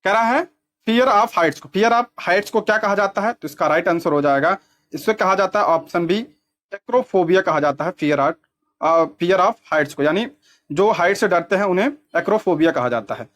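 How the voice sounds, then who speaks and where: A man's voice: high-pitched, lively intonation, moderate pace, a bit bright. Man teaching exam answers. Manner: repeats key terms with "ठीक है". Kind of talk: explaining exam practice questions.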